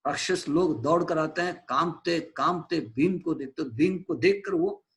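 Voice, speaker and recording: A man's voice: a little high, measured pace, fairly bright tone. A male teacher retelling and explaining a play's stage directions, glossing hard words in English. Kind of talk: explaining a play to a class.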